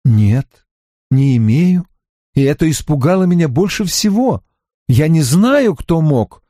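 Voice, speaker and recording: Guy doing a scared young woman, soft and high. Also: big pitch swings, a little slow, no echo, studio quality. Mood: frightened. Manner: soft, nervous. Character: frightened young woman, quiet.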